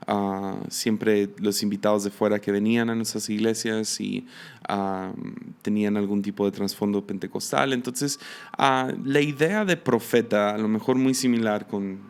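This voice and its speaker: Low-voiced Mexican-accented man, halting podcast talk. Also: clear, resonant tone. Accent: Mexican Spanish. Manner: hesitant, many filler sounds and restarts. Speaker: podcast host and missionary. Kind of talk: casual solo podcast talk.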